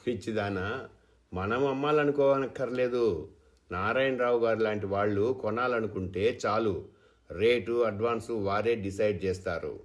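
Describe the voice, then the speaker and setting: A man's voice: lowish voice, moderate pace, lightly acted. A man voicing a stubborn farmer husband who speaks with indignation and bitterness. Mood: resigned. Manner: indignant, then weary.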